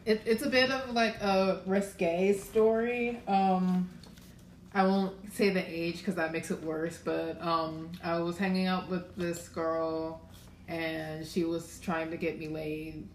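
A woman from Maryland chats as a guest on a casual podcast. Her voice sits low and she tells her stories in a relaxed, meandering way with lots of "like" and "um." The room is echoey, with a faint hiss behind her. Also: slow. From Maryland, USA. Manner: laid-back storyteller, full of filler words. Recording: roomy echo, faint background noise.

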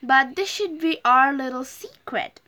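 A woman's voice: high-pitched, a little slow. A woman voicing a young schoolgirl who keeps her pets' secret in a children's story. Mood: worried. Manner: soft, hushed. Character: worried young schoolgirl, pet owner.

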